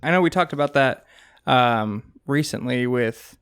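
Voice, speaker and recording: A man's voice: medium pitch, a little slow, fairly bright tone, clear, resonant tone. A man co-hosting a podcast in casual chat, talking loosely with fillers about teaching choir. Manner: chatty, lots of fillers and laughs. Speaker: podcast co-host.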